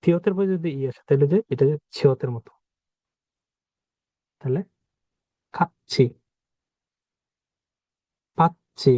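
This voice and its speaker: A man's voice: on the high side, moderate pace, pauses often, warm tone, dry recording. A man teaching pronunciation, patiently repeating each example word as he explains the rules. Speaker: language teacher. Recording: dry, phone-like narrow sound.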